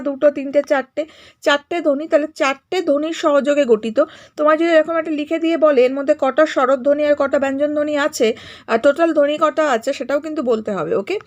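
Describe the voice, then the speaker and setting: Woman teacher, high voice, patient step-by-step school grammar lesson, sprinkled with English okays.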